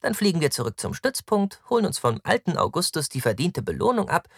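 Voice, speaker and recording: Man playing a young woman warrior, scornful, commanding, raised pitch, gravelly edge. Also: huge pitch swings, a little fast, dry recording, studio quality, exaggerated voice. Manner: sneering, commanding.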